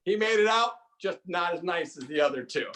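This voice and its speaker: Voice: medium pitch, expressive, fairly quick, fairly bright tone. A speaker hosting a jester act at a live court event, telling a playful story and laughing heartily at the jokes. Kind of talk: live court entertainment banter.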